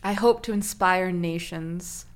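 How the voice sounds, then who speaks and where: A woman answering interview questions about her education project in an earnest, measured way. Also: lowish voice.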